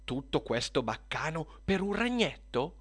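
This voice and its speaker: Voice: mid-range voice, a little slow, slightly rough, pitched above the performer's own voice. A storyteller voicing a girl who scoffs at a spider, then screams for her mother, in a children's storybook reading. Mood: calm. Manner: calm then shrieking.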